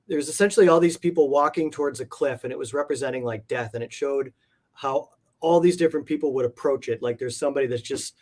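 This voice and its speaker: An art collector appears as an interview guest, chatting casually and rambling in a reflective, enthusiastic manner. His voice is a little high and a little mellow.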